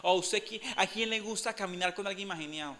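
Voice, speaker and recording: A man preaches a lively sermon in a church and keeps drawing the congregation in. His voice sits high for a man and sounds bright and forceful. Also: fast talker. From Colombia. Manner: animated preaching, asks congregation for amen. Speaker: pastor.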